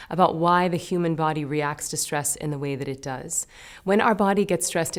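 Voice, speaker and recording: Casual meditation coach, woman, low voice, chatty, upbeat delivery. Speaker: meditation teacher. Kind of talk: guided meditation lesson.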